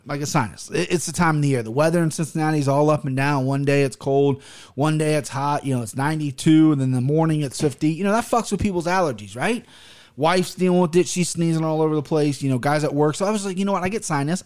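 A man's voice: fairly high pitch, quick pace, a little mellow. An American man hosting a casual solo podcast, rambling bluntly with some swearing while talking with his mouth barely open. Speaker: podcast host.

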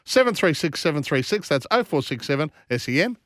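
An Australian man with a fairly high voice hosts sports radio in a dry studio sound. He chats casually with guests and reads sponsor messages live. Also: very animated, brisk, fairly bright tone, dry recording.

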